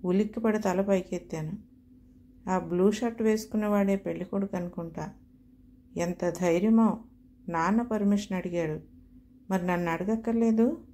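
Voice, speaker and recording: A woman's voice: medium pitch, warm tone. A woman reading a comic story aloud in the first person, in a wry, chatty, self-mocking way.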